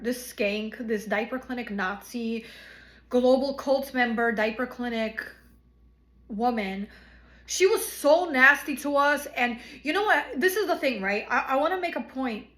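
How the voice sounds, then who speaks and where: A woman's voice: fairly high pitch, fairly bright tone. A young woman venting on a casual vlog, rambling and ranting with lots of fillers. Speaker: vlogger.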